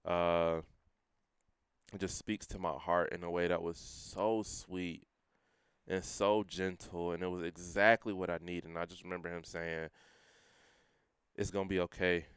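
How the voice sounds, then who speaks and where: A young man sharing a personal testimony in a casual interview, earnest and full of everyday slang, quoting himself in a quieter voice. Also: deep voice, flat delivery, normal speed, smooth, no echo, studio quality. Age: young adult. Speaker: guest sharing his testimony.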